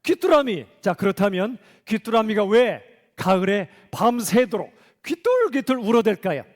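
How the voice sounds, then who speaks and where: A man's voice: high-pitched, big pitch swings, moderate pace. A middle-aged man preaching a sermon as a pastor, talking conversationally and asking the congregation questions. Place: church sanctuary. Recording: church hall reverb.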